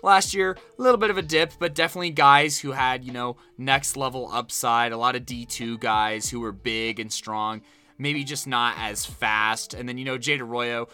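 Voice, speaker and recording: A man's voice: mid-range voice, normal speed, sharp tone, clean tone. An American man giving casual sports analysis as a co-host, talking discursively and piling up points.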